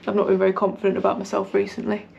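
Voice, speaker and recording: A young British woman, a running vlogger, chats casually and self-deprecatingly to her camera in a house hallway, the camera held at arm's length or propped nearby. Her mid-range voice is monotone, gravelly and racing, with the highs cut off.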